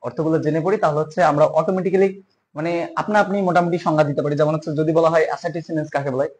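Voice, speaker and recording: A man giving a casual spoken grammar lesson, spelling terms out letter by letter and stretching key words slowly. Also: a little high, fairly even intonation. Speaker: teacher.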